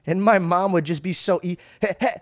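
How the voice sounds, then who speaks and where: A young man hosting a podcast in casual chat, animated and swearing as he tells stories. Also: sits high, brisk, no room sound, studio quality. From Syrian heritage. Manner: animated, swearing, laughing storyteller. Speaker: podcast host.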